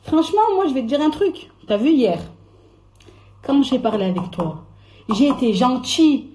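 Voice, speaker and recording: A young woman on a phone live stream, angrily swearing and ranting, swinging between shouts and low mutters. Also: big pitch swings, normal speed. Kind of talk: heated live-stream rant. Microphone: phone during a live stream.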